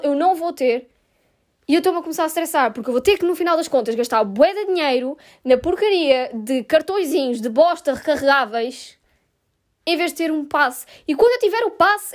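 A young woman with a European Portuguese accent hosting a casual podcast, venting her frustration with swearing and sarcasm. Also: sits high. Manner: exasperated, swears a lot, sarcastic. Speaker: podcast host.

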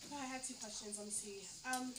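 A woman's voice: a little high, fairly even intonation, brisk. A woman in the audience asking a panel a question, speaking hesitantly with lots of fillers. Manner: hesitant, filler-heavy, casual. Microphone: no handheld mic, speaking from the audience. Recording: echoey room with ambient noise.

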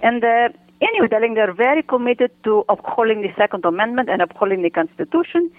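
A man's voice: extremely high pitch, expressive, fast, dry recording. A man voicing a feisty, doting older woman who calls everyone darling and speaks broken English. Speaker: regular segment guest. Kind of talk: comic phone-in chat. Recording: tinny phone line.

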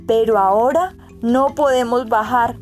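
A woman's voice: on the high side, measured pace, darkish tone, soft background music, lightly acted. A woman voicing a complaining young girl in a storybook reading, with a whiny tone.

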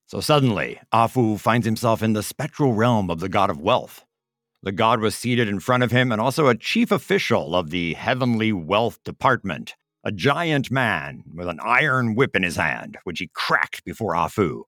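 A man retelling a folk tale casually, with a fairly low voice that rises and falls a lot. He explains things in chatty asides as he goes. The sound is close and dry. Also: sing-song, moderate pace, a bit bright, dry recording. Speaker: storyteller.

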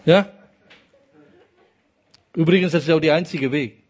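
Slow, emphatic preacher, fairly high voice. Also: male voice, slightly rough. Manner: emphatic, repeats key phrases, asks the congregation "ja?". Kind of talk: sermon.

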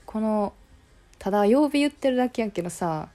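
A woman's voice: a little high, lively intonation, moderate pace, dark tone. A woman with a Kansai accent chatting casually on her own, playful and musing aloud, switching between English and Japanese. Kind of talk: casual solo talk, mixing English and Japanese.

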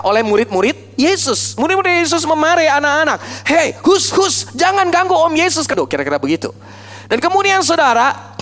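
A man preaching a sermon with animated delivery. He keeps turning to the congregation with rhetorical questions. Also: very high voice.

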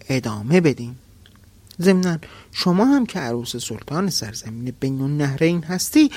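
Animated male storyteller, dry close sound. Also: dry recording. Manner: animated, shifts pitch and loudness for quoted speakers. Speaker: podcast storyteller. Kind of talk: storytelling narration.

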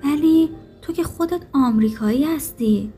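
A woman reading an audiobook, voicing a young female assistant with a slight Dutch accent who speaks calmly and firmly. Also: high-pitched, faint music behind, voice pushed up, natural voice.

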